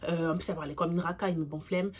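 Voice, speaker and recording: A woman casually telling a personal story for her vlog, animated and slangy, full of fillers, getting louder and more intense as the tale heats up. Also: lowish voice, rapid-fire, a little hiss or hum. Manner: gets louder and more intense while recounting the fight.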